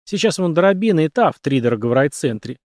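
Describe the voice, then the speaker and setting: A man's voice: fairly high pitch, sing-song, darkish tone, no room sound, studio quality. A man doing a folksy village taxi driver. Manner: folksy, unhurried talk. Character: chatty rural taxi driver and hunter, man.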